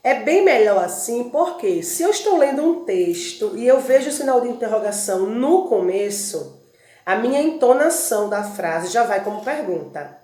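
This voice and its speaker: A woman with a Brazilian Portuguese accent teaching a Spanish review lesson, drilling verb forms and lists slowly and checking in with rhetorical questions. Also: a little high, big pitch swings, warm tone, reverberant. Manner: explains patiently, asks rhetorical check-ins. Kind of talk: recorded classroom review lesson.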